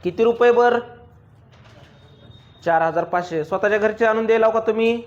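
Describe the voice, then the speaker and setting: A male commerce teacher, lecturing a class and drilling students with quick questions and teasing remarks. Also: high voice, darkish tone, highs cut off.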